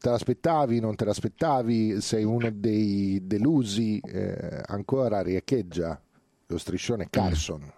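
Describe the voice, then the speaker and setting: Deep-voiced chatty Italian radio sports host. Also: male voice, a little slow, mellow, no echo, clean studio sound. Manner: chatty, digressive, frequent hesitations and fillers. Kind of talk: casual radio sports talk. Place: radio studio.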